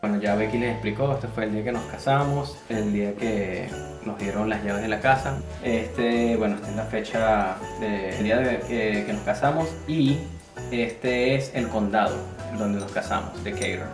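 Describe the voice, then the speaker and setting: A Venezuelan man with a Venezuelan Spanish accent, chatting casually as a vlogger in a relaxed, rambling way. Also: on the low side, moderate pace, echoey room, music in the background. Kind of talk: casual chat.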